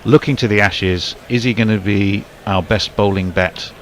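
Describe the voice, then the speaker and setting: A man's voice: lowish voice, steady tone, normal speed, slight background noise. A man doing casual ball-by-ball cricket commentary, rambling with fillers and restarts.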